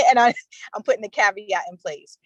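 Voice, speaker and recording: A woman's voice: mid-range voice, moderate pace, a bit bright, no room sound, muffled recording. Woman on a car speakerphone. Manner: hesitant, many fillers and restarts. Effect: call from a car speakerphone while driving. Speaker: committee meeting participant. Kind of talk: casual meeting discussion on a call. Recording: dry speakerphone audio from a car.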